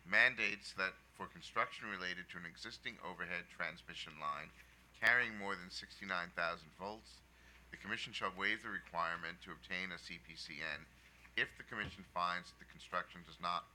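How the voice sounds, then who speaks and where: A man's voice: sits low, moderate pace, pushed and bright, slight background noise, low-quality recording. A man serving as staff counsel, giving a formal prepared presentation to a commission.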